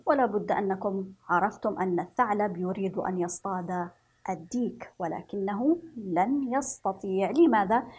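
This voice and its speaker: A Yemeni woman teaching a children's reading lesson, speaking slowly and encouragingly and stretching out letter sounds. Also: mid-range voice, breathy edge. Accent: Yemeni Arabic. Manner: slow, sing-song, encouraging, drawn-out letter sounds.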